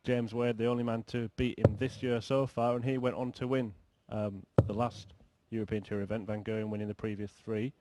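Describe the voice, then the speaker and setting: A man's voice: lowish voice, little pitch movement, a little fast, hardly any pauses. A man commentating live on a darts match, describing the play and the players. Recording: very noisy live sports broadcast.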